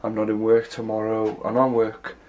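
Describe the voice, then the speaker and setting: A stuffy, sore-throated young man chats loosely in a home vlog, filmed handheld at arm's length in small rooms indoors, his thoughts spilling into run-on sentences. His voice is low-ish, darkish and monotone at a normal speed. The audio is dull, with slight background noise.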